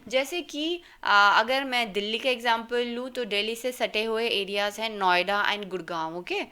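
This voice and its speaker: A woman's voice: on the high side, moderate pace, pushed and bright, clean tone. A woman teaching German to learners in Hindi with an Indian accent, explaining step by step and often checking in with "okay?". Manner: explanatory, checks in with a frequent "okay?" and spells words letter by letter. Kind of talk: explaining a lesson in Hindi and English.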